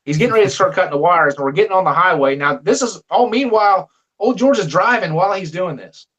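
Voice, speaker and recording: Higher-pitched man, rambling storyteller, restarts a lot, laughs as he goes. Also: lively intonation, quick pace, fairly bright tone, dull audio. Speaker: guest storyteller. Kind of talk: casual storytelling.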